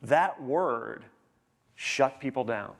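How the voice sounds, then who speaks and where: A man's voice: mid-range voice, lively intonation, very slow, creaky. A man speaking on stage at a conference, presenting to fellow professionals in a conversational way and often checking in with tag questions.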